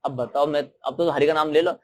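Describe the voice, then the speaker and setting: Brief: man voicing a scolding wandering male sage in a spoken parable, high, firm and preachy. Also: fairly even intonation, a little fast, natural voice. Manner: stern, lecturing, chanting the Lord's name.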